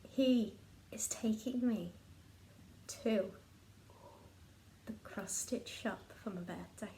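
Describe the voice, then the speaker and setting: A woman's voice: mid-range voice, slow pace, dark tone, roomy sound, a little hiss or hum. A young woman with a Liverpool accent, chatting casually and teasing as co-host of a home stitching video. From Liverpool, England. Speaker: flosstube co-host. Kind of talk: casual chat.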